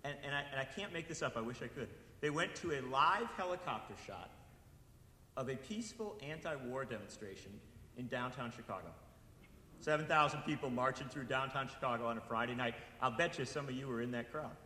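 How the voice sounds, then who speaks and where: A man's voice: mid-range voice, a little fast, sharp tone, a little hiss or hum. A man from Wisconsin giving a rousing political speech to an audience, building into impassioned, repeated appeals. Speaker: speaker at a political event. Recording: echoey hall with long reverb.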